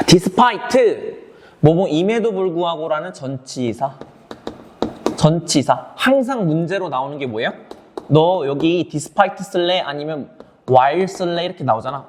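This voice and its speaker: Brisk male English lecturer quizzing himself. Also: a little high. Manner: explains sentence by sentence, asks and answers his own questions; switches between English words and explanation, addresses students directly. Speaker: English teacher. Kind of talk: online exam lecture.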